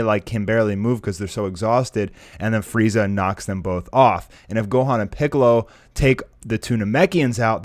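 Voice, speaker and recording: With background music running underneath, a male anime commentator online chats casually to viewers, mixing commentary with speculation. His voice is medium-pitched, and the recording is echo-free and studio quality.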